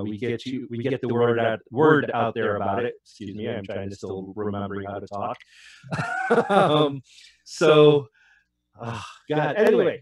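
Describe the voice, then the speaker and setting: Man, podcast host, excitable, rambling chat, mid-pitched voice, echoey room. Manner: excitable, rambling, laughs often. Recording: roomy echo.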